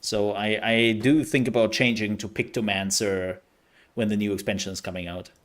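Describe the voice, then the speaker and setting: A man's voice: lowish voice, fairly even intonation, moderate pace, a bit bright. A man giving casual live gaming commentary, rambling and thinking aloud as he plays. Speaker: livestreamer.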